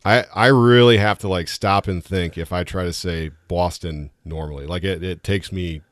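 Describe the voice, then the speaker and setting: Low-voiced young man with a Rhode Island accent. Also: steady tone, normal speed, no echo, clean studio sound. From southern Rhode Island. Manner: friendly, chatty, laughs easily. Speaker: guest, baseball broadcaster. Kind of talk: casual radio interview. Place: radio studio.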